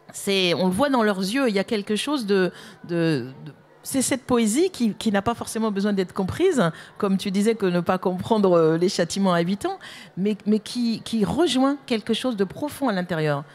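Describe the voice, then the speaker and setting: A woman's voice: mid-range voice, lively intonation, normal speed, a little mellow. A woman author and publisher on a panel discussion, telling anecdotes with enthusiasm.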